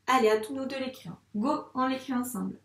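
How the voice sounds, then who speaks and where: A woman teaching young children handwriting, speaking patiently and slowly spelling words out syllable by syllable. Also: sits high, creaky, fairly bright tone, roomy sound, distant mic. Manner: slow, patient, syllable-by-syllable dictation. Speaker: primary school teacher.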